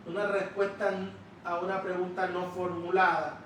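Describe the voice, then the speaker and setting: A man preaching a sermon in a church, slowly and emphatically, stretching out key words. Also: sits high, level tone, a bit bright, a little hiss or hum. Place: church sanctuary. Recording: echoey church hall, distant mic.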